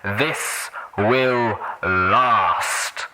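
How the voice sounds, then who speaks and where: Grandiose propaganda leader, played by a man: deep, measured, rhetorical, heard through noisy radio. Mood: stirring, resolute. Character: Red Eye, grandiose male pony warlord orator. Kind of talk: propaganda speech over the radio.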